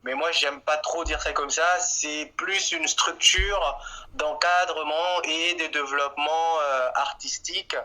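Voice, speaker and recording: A man's voice: on the high side, fairly even intonation, measured pace, bright, forceful tone. A man in his twenties from Gabon with a Gabonese French accent, a polite, self-deprecating guest who hesitates with many fillers, heard over a phone line. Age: 20s. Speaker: interview guest, arts entrepreneur. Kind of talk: phone interview.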